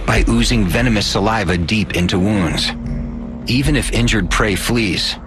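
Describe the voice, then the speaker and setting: A man's voice: on the low side, moderate pace, over music. A man reading scripted nature documentary narration with dramatic, suspenseful phrasing.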